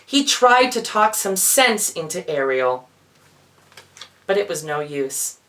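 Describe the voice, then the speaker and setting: A feminine-sounding storyteller and drag performer gives a dramatic, theatrical reading of a children's storybook, adding playful asides. The mid-range voice moves slowly with big pitch swings and a slightly bright tone, over a little hiss or hum.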